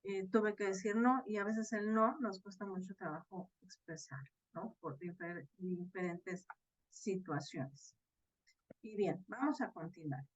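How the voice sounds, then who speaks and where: A woman's voice: mid-range voice, a little slow, breathy edge, no room sound. A woman teaching an online class, explaining step by step with frequent fillers and tag questions, recorded on a video call. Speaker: online course tutor. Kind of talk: virtual class lecture. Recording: slightly dull, dry video-call audio.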